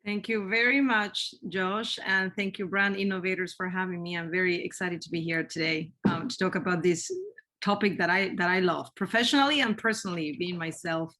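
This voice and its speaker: A Spanish-born marketing executive in her forties, whose first language is Spanish, answers interview questions earnestly and often repeats words as she restarts. Her voice is fairly low, brisk, pushed and bright.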